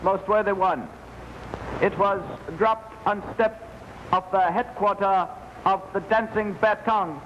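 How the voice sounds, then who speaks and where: A man's voice: high-pitched, measured pace, slight background noise. An actor playing a servile male henchman who speaks deferential broken English, heard on a dull, echoey 1950s TV broadcast recording. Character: servile male henchman reporting to his master. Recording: muffled old TV soundtrack with hall reverb.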